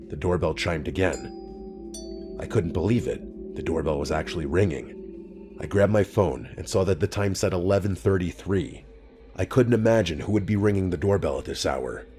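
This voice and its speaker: Deep-voiced man narrating a horror story. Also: a little mellow. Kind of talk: scripted first-person horror narration. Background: faint background music.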